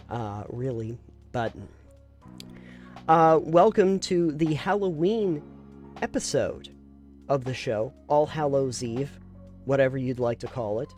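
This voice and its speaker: A man's voice: medium pitch, darkish tone. A man co-hosting a casual podcast chat, playful and rambling, often laughing and filling gaps with "uh". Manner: playful, giggly, rambling with many fillers. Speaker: podcast co-host.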